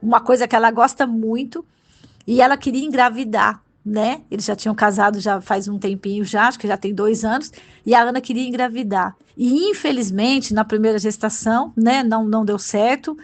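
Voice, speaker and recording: Brazilian woman preacher, high voice, fervent and emotional, bursts of exclamation. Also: fairly even intonation, brisk. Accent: Brazilian Portuguese. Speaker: bishop preacher. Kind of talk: sermon.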